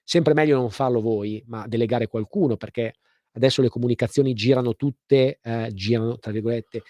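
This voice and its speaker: A man hosting a live call-in radio show, explaining things informally with hesitant, pause-filled phrasing. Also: mid-range voice, dark tone, no echo. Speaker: radio host and legal advice presenter.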